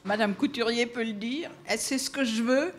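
A woman's voice: on the high side, moderate pace, slight background noise. A woman, a customer at a farm shop, chatting casually to a reporter.

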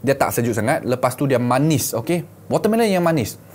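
This thirties-aged Malaysian man has a mid-range, very animated voice that runs fairly quick and a little mellow, with a touch of hiss or hum in the recording. Reviewing products from a small indoor gaming-studio room, he keeps things colloquial, repeats himself often, and treats his viewers like friends, calling them "guys" and "gang."

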